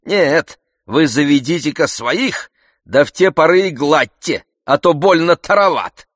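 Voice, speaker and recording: A man's voice: a little high, animated, a little slow, fairly bright tone, no echo, clean studio sound, voice pushed up. A man voicing a sarcastic male coachman who mocks and jeers. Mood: mocking. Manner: sarcastic, mocking.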